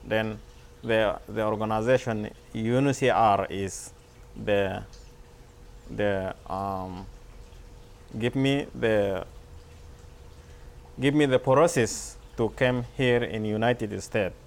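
A man from Sudan with a Sudanese accent, telling his life story haltingly in simple learner's English, often repeating words. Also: lowish voice, creaky. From Darfur, Sudan. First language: not English. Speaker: refugee volunteer, former farmer.

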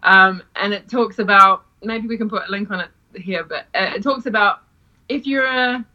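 A woman's voice: mid-range voice, moderate pace, sharp tone, muffled recording. A woman who teaches improv, chatting casually, laughing often and acting out quoted lines. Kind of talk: casual podcast chat.

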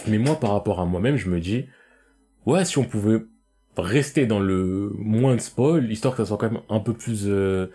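A man's voice: fairly low pitch, normal speed, mellow, faint music behind. A young man in casual, slangy podcast chat, explaining his point insistently as a co-host.

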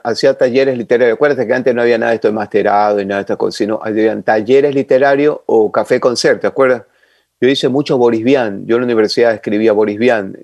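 An older man, telling long animated stories as an interview guest. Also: medium pitch, no echo. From Ecuador. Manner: animated, rambling reminiscence with sound effects. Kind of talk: casual storytelling interview.

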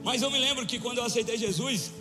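Man, preacher, high voice, playful, animated storytelling, loud exhortation, echoing hall, faint music. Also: fast. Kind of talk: sermon with personal testimony.

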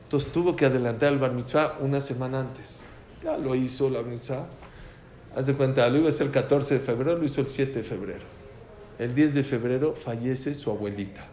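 A man gives a storytelling religious lesson and slips into the voices of the people in his anecdotes. His voice sits at a middle pitch. The room is echoey, with a faint hum of ambient noise behind him. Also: a little fast. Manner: animated, acts out dialogue in stories. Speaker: religious teacher. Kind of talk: storytelling lecture.

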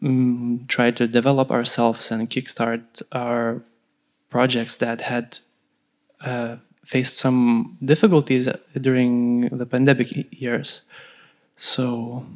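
Slow, even-toned man with a Lithuanian accent. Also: mid-range voice. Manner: hesitant, halting. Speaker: guest panelist, community radio co-founder. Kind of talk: panel introduction speech.

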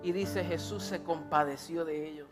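A woman preaching a sermon, exhorting with passion and sometimes dropping to a quiet tone. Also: low-pitched, fairly even intonation, moderate pace, over music. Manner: impassioned, exhorting, with sudden drops to quiet.

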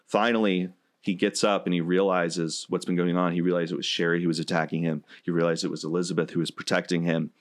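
A man in a casual podcast chat tells a long story with animation and plenty of filler words. His voice is low. He talks freely in a loose, conversational way. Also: level tone, quick pace. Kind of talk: casual chat, retelling a match.

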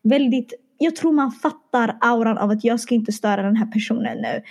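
A woman in casual conversation, telling an animated story and acting out the dialogue, with English and Arabic phrases mixed in. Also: on the high side, vocal fry. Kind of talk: casual chat.

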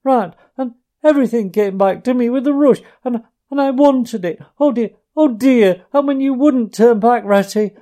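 A man's voice: extremely high pitch, normal speed, hardly any pauses, mellow, voice pushed up. A man voicing a tearful, timid little male mole who stammers and pleads through broken sobs. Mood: sobbing, grieving.

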